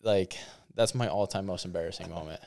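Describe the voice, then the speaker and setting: A young man hosting a podcast, easygoing and chatty, asking quick follow-up questions and sharing his own stories. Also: sits low, creaky, a little mellow. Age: young adult. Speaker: podcast host. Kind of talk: casual chat.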